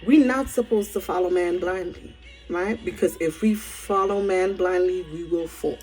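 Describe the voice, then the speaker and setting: A woman's voice: fairly low pitch, moderate pace, faint music behind, low-quality recording. A woman giving an informal sermon, telling colloquial stories emphatically and often checking in with tag questions. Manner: animated, colloquial storytelling with frequent "right?" tags.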